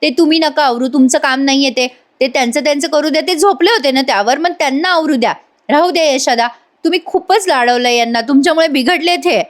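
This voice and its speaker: A woman's voice: sits high, fast talker, voice pushed up, close to an everyday voice. A woman voicing a firm, caring young wife who scolds the lazy men of the house.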